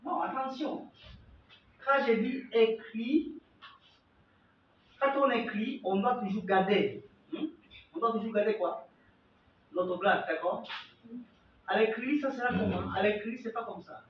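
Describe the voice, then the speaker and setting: A man teaching a French class, slowly repeating phrases and examples for his learners. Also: high voice, a little hiss or hum. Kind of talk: classroom language lesson. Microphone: far from the mic. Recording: echoey classroom from far off, dull lo-fi sound.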